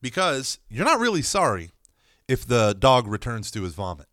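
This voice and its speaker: A man's voice: medium pitch, moderate pace, no room sound. Emphatic man teaching on confession, dry mic. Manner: animated, emphatic, jokey storytelling. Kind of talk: conversational religious teaching.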